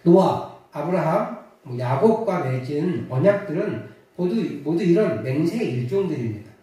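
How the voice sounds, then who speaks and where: A man's voice: fairly high pitch, lively intonation, normal speed, warm tone. A male pastor preaching a sermon, telling a story with frequent hesitations. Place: church sanctuary. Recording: echoey church hall, mic at a distance.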